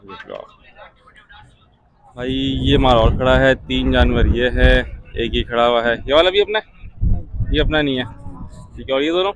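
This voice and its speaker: A Pakistani man with an average-pitched voice hosts a casual market vlog outdoors. He addresses viewers like brothers, puts short questions to traders and repeats what they say. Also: moderate pace, long pauses, poor audio. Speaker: vlogger and host touring a cattle market. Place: outdoor livestock market on a windy day.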